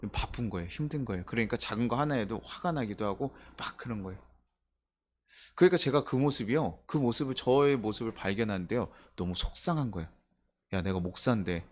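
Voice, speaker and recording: A man in his thirties, a pastor preaching a Sunday sermon in a church, in a conversational way, asking the congregation questions and acting out voices. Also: on the low side. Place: church sanctuary.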